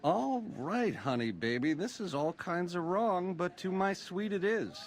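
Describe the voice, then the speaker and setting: A suave, cocky casino boss from a video game, talking in a crooning drawl full of jive slang. His pitch swings all over, lively and animated. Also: measured pace. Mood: smooth, flirty.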